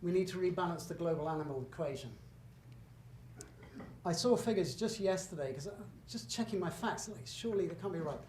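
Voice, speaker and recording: A man's voice: high voice, fairly quick, a little mellow. Man lecturing in an echoey hall. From Britain. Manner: conversational and emphatic, with asides and self-corrections. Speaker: guest lecturer. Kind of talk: public lecture with slides. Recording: echoey hall, faint room noise.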